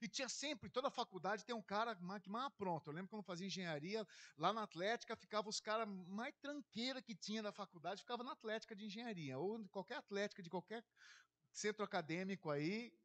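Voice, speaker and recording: A woman with a Brazilian Portuguese accent preaching a sermon, telling stories with animation and rising to fervent shouting. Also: mid-range voice, expressive, brisk.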